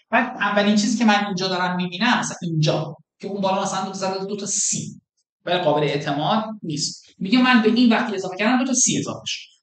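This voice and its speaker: A middle-aged man giving a classroom lecture, explaining step by step and asking his students questions as he demonstrates on screen. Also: sits high. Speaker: university lecturer.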